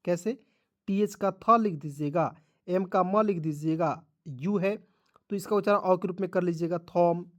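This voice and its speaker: A man's voice: sits high, measured pace. A man teaching English pronunciation in a video lesson, drilling each rule again and again and addressing viewers as friends.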